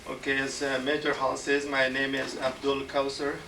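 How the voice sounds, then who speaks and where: A man in his forties with an Afghan accent, a physician giving a formal lecture in a halting way, with many pauses and fillers. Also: medium pitch, monotone, creaky, sharp tone. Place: auditorium at a medical center. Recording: echoey hall recorded from far off, noisy.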